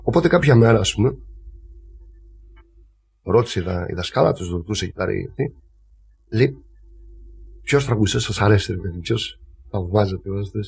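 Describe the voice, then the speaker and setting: A man from Crete with a lowish voice tells rambling family anecdotes, slipping into quoted voices. He speaks casually as the guest of an interview. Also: animated, creaky, pauses often, a little mellow, breathy edge. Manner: rambling anecdotal storytelling with laughs. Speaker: lyra player, guest.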